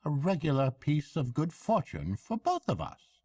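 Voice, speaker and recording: A man's voice: on the high side, wildly swooping pitch, a little slow, warm tone, slightly rough, no room sound, studio quality, voice pushed up, full character voice. A man voicing a hearty, shrewd barge woman in a storybook reading, chatty and falsely respectful. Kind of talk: storybook character voice.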